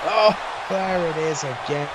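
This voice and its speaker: A man's voice: a little high, takes it slowly. A man giving wrestling colour commentary in a reactive, conversational way. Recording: loud crowd and background noise. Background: crowd noise.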